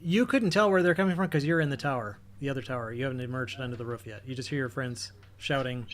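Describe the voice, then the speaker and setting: A man's voice: medium pitch, very fast, fairly bright tone. A man acting as game master, describing scenes and rulings while thinking aloud. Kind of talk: running a tabletop game online.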